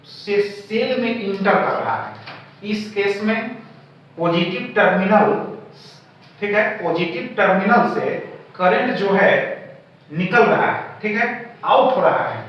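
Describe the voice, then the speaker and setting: A man with a high voice teaches physics at a board, working through each step and checking in with "okay?" as he goes. He sounds distant from the mic in a very echoey room, and the sound is dull with a faint hiss. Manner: explains step by step, often checking with "theek hai". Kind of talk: whiteboard physics lesson.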